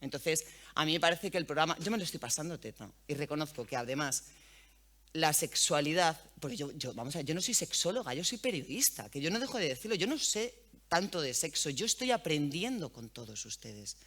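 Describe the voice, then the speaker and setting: Guest spot: outspoken Spanish woman journalist, bright voice, swooping delivery, no filter. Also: low voice, very animated, brisk. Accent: Spain. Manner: blunt, outspoken, earthy. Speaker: radio journalist, interview guest. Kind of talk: frank conversational interview. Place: event panel.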